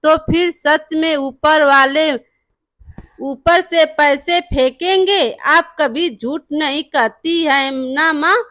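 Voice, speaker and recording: A woman's voice: high voice, slow pace, fairly bright tone, no room sound, studio quality. A woman voicing a simple, honest, poor young village man who speaks earnestly and hopefully.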